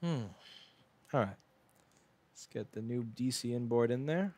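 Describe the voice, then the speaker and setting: A man's voice: medium pitch, a little slow, darkish tone. A man who owns a repair shop, chatting casually to a live stream while he works on a board. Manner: casual, chatty, talks to chat while working.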